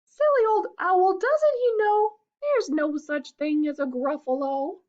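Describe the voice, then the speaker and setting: A woman voicing a brave, clever little mouse in a storybook read-aloud, high and squeaky. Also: slow, highs cut off. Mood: smug. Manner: squeaky, excited.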